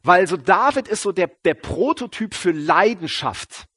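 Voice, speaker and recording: A man delivers a sermon in a loose, colloquial way, voicing biblical figures as he tells their story. His voice sits high and sounds husky. The recording is dry, with no room sound around him. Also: unhurried, no echo. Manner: animated, slangy, acts out what biblical figures say. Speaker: preacher.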